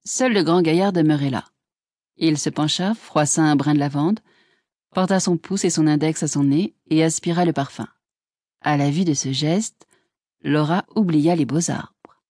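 A woman narrating a literary audiobook in an even, measured voice. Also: low-pitched, dry recording, studio quality.

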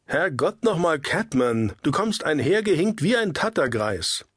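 A scornful older brother needles and mocks, voiced by a man narrating an audiobook. The voice is lifted higher than the reader's own and stays husky. The recording is close and dry. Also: big pitch swings, unhurried, a bit bright, dry recording, full character voice.

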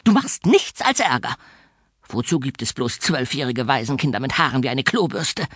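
A man voicing a cruel, shrill old orphanage matron who screeches insults at a boy. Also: animated, normal speed, husky, no room sound, studio quality, full character voice. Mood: shrieking scolding.

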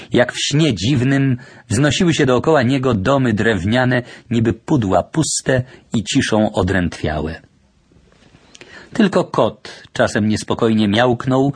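A man reads a historical novel aloud at an unhurried pace. His voice is husky, and his pitch rises and falls widely as he tells the tale in measured, old-fashioned phrasing. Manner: measured storytelling in archaic phrasing. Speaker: audiobook narrator. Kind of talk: literary audiobook narration.

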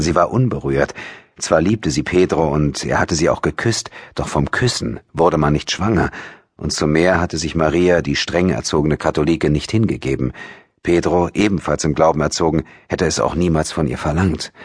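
Ein Mann liest ruhig und gemessen ein Hörbuch vor. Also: male voice, rumbling low, breathy edge, dry recording, clean studio sound. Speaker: audiobook narrator. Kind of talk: scripted audiobook narration.

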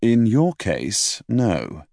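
A man in his thirties voicing an earnest young physician, a caring son with a brisk manner. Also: on the low side, huge pitch swings, creaky, a little mellow, no room sound, studio quality, voice pushed up, exaggerated voice. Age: 30s.

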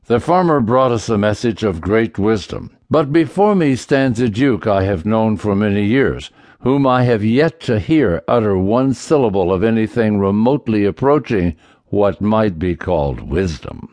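A man's voice: on the low side, animated, moderate pace, a little mellow, dry recording, close to an everyday voice. A man voicing a stern, impatient king who scolds his nobles. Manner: stern, commanding.

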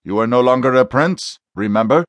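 A man voicing a stern, forceful exorcist. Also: mid-range voice, animated, a little fast, no room sound, natural voice. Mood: commanding. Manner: forceful, insistent commands. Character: commanding male exorcist, stern and confident. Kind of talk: audiobook character voice.

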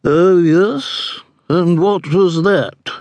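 Brief: man playing elderly aristocratic duchess, slow, haughty, high and husky. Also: big pitch swings, darkish tone, no echo, exaggerated voice. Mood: imperious. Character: imperious elderly aristocratic dowager duchess mother.

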